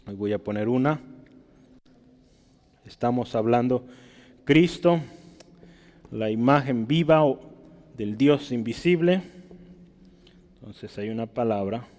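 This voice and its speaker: In a church hall with long reverb, a man with a Mexican Spanish accent preaches a sermon, speaking slowly with frequent pauses in a darkish tone. When reading scripture aloud he raises his voice, rising sharply in pitch and volume, and he keeps seeking agreement with "¿verdad?"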